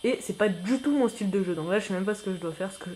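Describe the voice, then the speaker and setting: A man giving casual gameplay commentary as a new YouTuber, rambling and self-mocking, full of slang and excitable outbursts at the game. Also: high voice, racing, a little hiss or hum.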